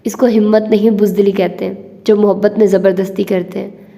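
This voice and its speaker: A woman voicing a tart, affectionate young wife who is sharp-tongued yet soft. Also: mid-range voice, flat delivery, fairly quick, creaky, close to an everyday voice. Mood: teasing. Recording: long reverb.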